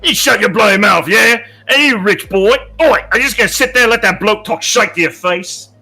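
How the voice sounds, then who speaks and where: A man voicing a rough, hot-tempered brawler from a video game, blunt, aggressive and taunting. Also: sits high, fairly quick, sharp tone, soft background music, full character voice. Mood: angry, goading. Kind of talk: reading video game dialogue in character.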